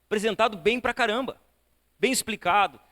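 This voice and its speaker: A man, a pastor, preaches a sermon and tells a family story, moving between soft and loud passages and filling his speech with repeated tags. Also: high-pitched, fairly quick. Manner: fills with repeated tags like "né" and "tal, tal". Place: church auditorium. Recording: church hall reverb.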